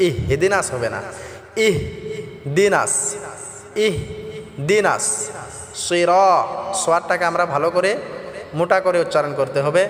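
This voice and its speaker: A man teaching how to pronounce verses, explaining each sound slowly and chanting the lines in a drawn-out way. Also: on the high side, fairly bright tone. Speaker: Quran recitation teacher. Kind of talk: tajweed lesson with chanted recitation. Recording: echoey hall with faint music.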